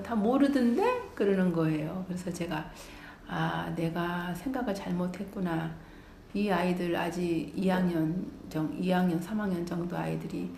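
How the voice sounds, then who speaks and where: A middle-aged woman telling a personal anecdote, animated, acting out children's voices as she goes. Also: fairly low pitch, gravelly. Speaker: storyteller. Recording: echoey room, faint noise.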